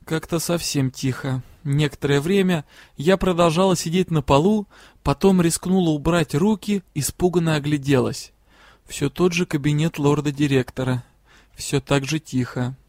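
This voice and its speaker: A man's voice: a little high, moderate pace, a little mellow, dry recording. Man reading a fantasy story, dry close sound. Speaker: audiobook reader. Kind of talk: scripted first-person fantasy narration.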